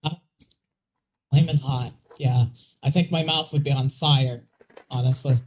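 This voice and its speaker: A man with a medium-pitched voice co-hosts live storm coverage. He talks casually and conversationally, explaining the weather as he goes. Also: fairly even intonation, unhurried, a little mellow. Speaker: livestream weather co-host.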